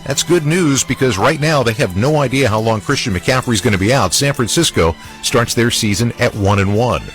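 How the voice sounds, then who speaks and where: A man hosting a sports radio highlight show, narrating recaps emphatically. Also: lively intonation, normal speed, fairly bright tone. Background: music bed.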